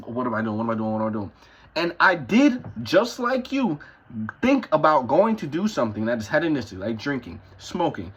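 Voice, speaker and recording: A vlogger in his twenties delivers a profane, confrontational motivational rant at his parents' house, swearing constantly. His high, slightly bright voice is husky, and the recording is muffled.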